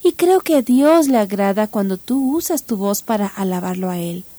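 A woman voicing a gentle, loving mother in a storybook reading, speaking softly and tenderly. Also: mid-range voice, lively intonation, moderate pace, no echo, close to an everyday voice. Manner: soft, tender, soothing.

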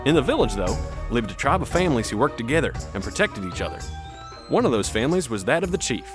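A man's voice: mid-range voice, very animated, fast talker, music in the background, close to an everyday voice. An actor playing a folksy mountain man telling a story by the campfire in an audio drama.

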